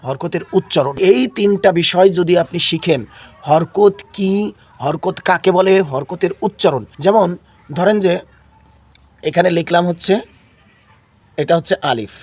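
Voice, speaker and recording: Unwell and coughing, a man with a high voice teaches a Quran reading class slowly, pausing often. He repeats key words and has his listeners call them back to him.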